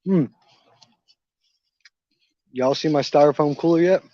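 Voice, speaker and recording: A man's voice: a little high, a little slow, no echo. A man in his thirties, host of a gardening channel, chatting casually on a phone live stream as he walks around his garden. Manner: relaxed, rambling, chews fruit while talking. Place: outdoors in a home garden. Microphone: phone held in hand. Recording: dull lo-fi phone audio, dry.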